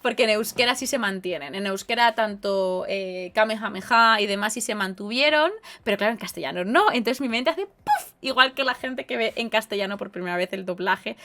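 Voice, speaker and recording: A woman with a Spain Spanish accent hosting a casual live podcast, chatty and expressive as she reads out viewer comments. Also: mid-range voice, fairly quick. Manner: chatty and expressive, with lively exclamations. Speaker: podcast host and streamer.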